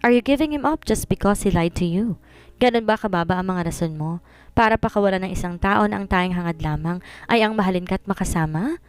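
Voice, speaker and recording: A woman's voice: medium pitch, brisk, clear, resonant tone, close to an everyday voice. A woman voicing a frank young female cousin who lectures firmly. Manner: lecturing, firm.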